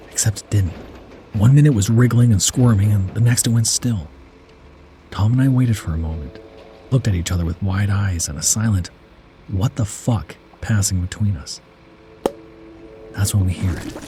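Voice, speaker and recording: A man narrates a first-person horror story slowly and dramatically, sinking to a hushed whisper at tense moments. His voice is lowish, and a slight hiss or hum is audible.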